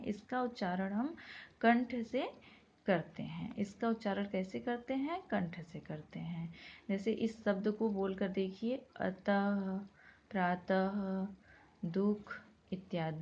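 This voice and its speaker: Teacher, female, slow and deliberate, repeats definitions, dull lo-fi recording. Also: medium pitch. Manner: slow, repeats each definition, sounds out example words. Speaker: school Hindi teacher. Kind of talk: classroom grammar lesson. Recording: dull lo-fi sound.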